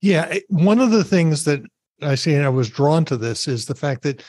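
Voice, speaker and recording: Podcast host, middle-aged man, raised pitch, matter-of-fact chatter, dry sound. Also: lively intonation, normal speed, darkish tone, no room sound. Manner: conversational, matter-of-fact with some hesitations. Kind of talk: casual interview talk.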